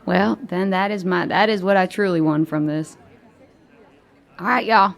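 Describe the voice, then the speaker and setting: A woman's voice: fairly low pitch, normal speed, gravelly, a faint crowd. A woman playing a tabletop role-playing game, improvising casually with playful, folksy phrasing.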